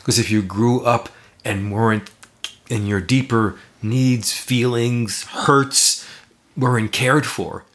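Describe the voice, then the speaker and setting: A man's voice: fairly even intonation, slow pace, a bit bright. A man co-hosting a relationship podcast in casual conversation, laughing often and acting out quoted lines. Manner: laughs often, acts out voices with big pitch jumps. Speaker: podcast co-host.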